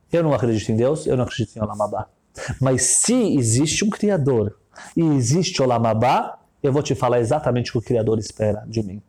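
A man voicing a smug, dishonest rich man who talks low and dismissive, scorning honesty. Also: mellow, natural voice.

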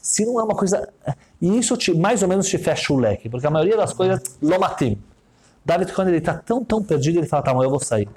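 A man with a Brazilian Portuguese accent telling a story in a sermon, animated and peppered with Hebrew terms. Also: high voice, quick pace, husky. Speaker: religious speaker.

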